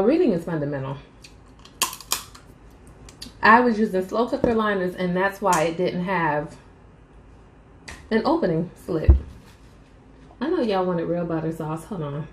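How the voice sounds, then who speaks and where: A woman's voice: on the low side, expressive, a little slow, pauses often, echoey room, a little hiss or hum. A young woman chatting to viewers between bites in a casual eating vlog. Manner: chatty, addresses viewers as y'all, eats between sentences. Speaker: mukbang vlogger. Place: small room at home, indoors.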